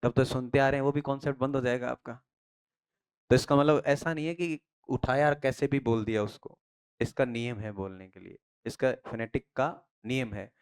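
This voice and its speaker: Man from India, English teacher, smooth clear voice, drilling questions and answers. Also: medium pitch, normal speed. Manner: asks students questions and answers them himself; repeats key phrases in a drilling way. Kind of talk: classroom lecture on pronunciation.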